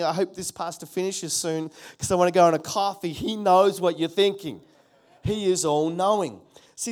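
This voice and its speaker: Speaking in a high-pitched voice with a darkish tone, a middle-aged pastor preaches emphatically. Key phrases come back repeatedly as he prompts the congregation for answers.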